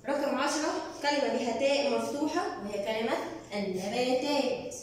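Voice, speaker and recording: A woman teacher with an Egyptian Arabic accent, slowly and patiently explaining a primary school lesson. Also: sits high. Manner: slow, patient explaining, drawing out words. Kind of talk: recorded classroom lesson. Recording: echoey room, distant mic, faint noise.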